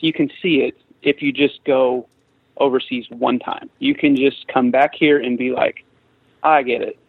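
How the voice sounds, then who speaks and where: His voice is medium-pitched and creaky, with no echo, carried over a tinny remote line that sounds like a phone. The guest is a musician in his forties who talks casually in the interview, rambling, restarting often and using many fillers.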